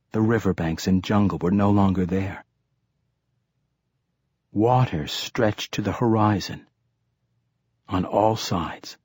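A man narrating an audiobook in a steady, measured storytelling manner. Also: on the low side, husky, dry recording.

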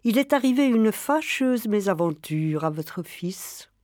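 A woman voicing a calm, patient grandmother who speaks gently and at a measured pace. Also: medium pitch, dry recording, studio quality, close to an everyday voice. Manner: gentle, measured, sometimes hushed.

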